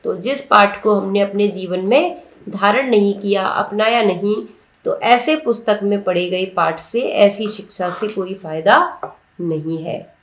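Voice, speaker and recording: A woman teacher explaining a textbook lesson slowly, word by word, asking her students questions as she goes. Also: medium pitch. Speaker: Sanskrit teacher. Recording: roomy echo.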